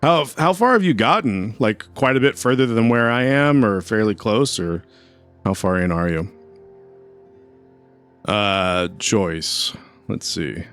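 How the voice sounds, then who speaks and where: Male streamer, low voice, rambling casual chat, soft music behind. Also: takes it slowly, long pauses, smooth. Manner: chatty, rambling, answers chat. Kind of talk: casual gameplay commentary.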